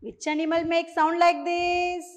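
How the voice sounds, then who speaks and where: A woman teacher with a Tamil accent giving a bilingual lesson to young children, slow and coaxing, repeating each line in two languages. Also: very high voice, level tone, long reverb tail.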